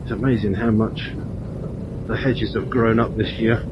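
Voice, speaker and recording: A man with a lowish voice and fairly even intonation chats at a moderate pace while riding, rambling and thinking aloud for a casual motovlog on country roads. The helmet intercom mic gives a muffled, boxed-in sound, with loud wind and engine noise.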